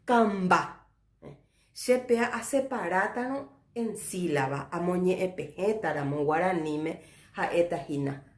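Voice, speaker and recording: A woman teaching a Guarani language lesson, explaining slowly and checking understanding with little questions. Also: on the low side, roomy sound. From Paraguay.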